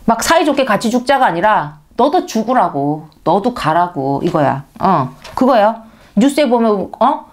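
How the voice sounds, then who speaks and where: A woman delivers a sermon as if chatting with her congregation, asking rhetorical questions and answering them herself. Her voice sits at a middling pitch but swings widely for emphasis. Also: a little slow. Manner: conversational, asks listeners rhetorical questions; animated, pitch leaps for emphasis. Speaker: preacher.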